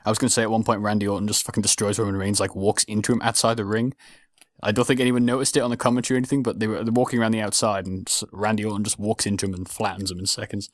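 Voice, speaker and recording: A man's voice: fairly low pitch, little pitch movement, very fast, no echo, studio quality. A young man co-hosting a podcast, giving blunt, sarcastic opinions on wrestling and swearing often. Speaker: podcast co-host. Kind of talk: casual wrestling recap chat.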